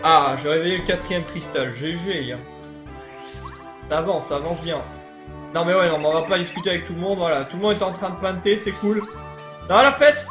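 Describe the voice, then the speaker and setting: A man's voice: fairly high pitch, a little fast, echoey room, highs cut off, over music. A man streaming a video game live, chatting casually and greeting viewers in the chat. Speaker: let's play streamer.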